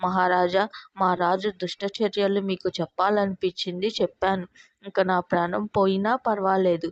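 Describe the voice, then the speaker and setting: A woman's voice: mid-range voice, little pitch movement, moderate pace, dry recording, close to an everyday voice. A woman voicing a cunning male crow minister in a storybook cartoon, speaking in a pleading, persuasive way. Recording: dull lo-fi dry recording.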